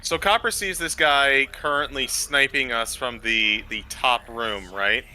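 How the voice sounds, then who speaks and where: A man playing a tabletop game, talking through tactics in a deliberate, questioning way. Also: mid-range voice, bright, forceful tone, faint music behind, poor audio. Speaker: player. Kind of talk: casual tabletop play.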